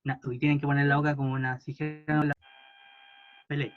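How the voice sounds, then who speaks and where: Man, teacher, slightly high voice, patient, repeats words slowly, muffled lo-fi recording. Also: level tone, a little hiss or hum. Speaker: language teacher. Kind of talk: classroom pronunciation lesson.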